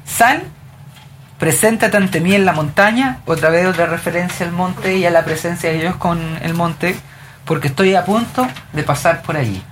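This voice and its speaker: A woman's voice: fairly low pitch, moderate pace, background noise. Woman leading a Bible study. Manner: asks the group questions, reads verses aloud. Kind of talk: group Bible study teaching.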